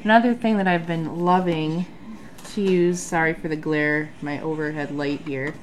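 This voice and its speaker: A woman in her thirties with a low voice talks at a normal speed with fairly even intonation, a faint hiss or hum behind her. Her nasal sound comes from a sinus infection; as a bullet journal vlogger she chats casually through her journal, with frequent ums, at a home desk under an overhead light.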